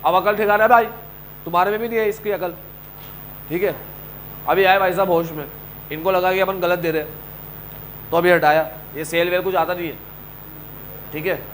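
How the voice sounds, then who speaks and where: A middle-aged man with an Indian accent teaching a coaching class, animated, scolding and joking with his students. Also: sits high, normal speed, long pauses, slight background noise, low-quality recording. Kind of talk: classroom lecture.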